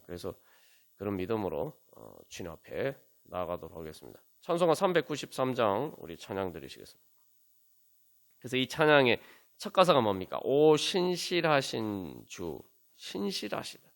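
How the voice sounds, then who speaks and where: Animated preaching man. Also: fairly low pitch, a little fast. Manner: preaching with many rhetorical questions and fillers. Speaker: pastor. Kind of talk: sermon at a Friday prayer meeting. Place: church.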